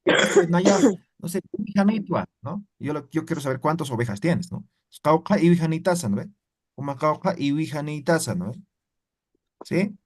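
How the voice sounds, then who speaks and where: A man's voice: on the high side, animated, moderate pace. Patient man teaching a language class. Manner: explains patiently, keeps checking with "¿no ve?".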